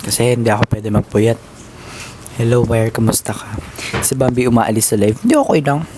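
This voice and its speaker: A man's voice: medium pitch, a little fast. A man chatting casually on a livestream, playful and teasing as he talks straight to his viewers and reads their comments. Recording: steady background noise with clicks.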